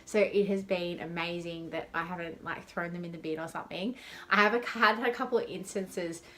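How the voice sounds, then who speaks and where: A woman's voice: on the low side, fairly even intonation, fairly quick, a bit bright. A young adult woman chatting casually and informally to camera, with a lisp and whistling s sounds from dental aligners, rambling in a self-deprecating way. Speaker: vlogger.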